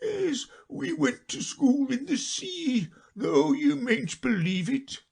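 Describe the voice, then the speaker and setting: A man voicing the Mock Turtle, a sobbing, self-pitying storybook creature who wails his words slowly. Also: animated, vocal fry, a little mellow, exaggerated voice. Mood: mournful. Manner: slow tearful wail, high and quavering.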